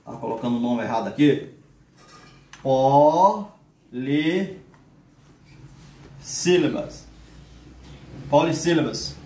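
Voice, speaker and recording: A man teaching a grammar lesson. He speaks slowly, asks the class questions and stretches words out syllable by syllable. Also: medium pitch, distant mic, slight background noise. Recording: echoey room, voice from off mic.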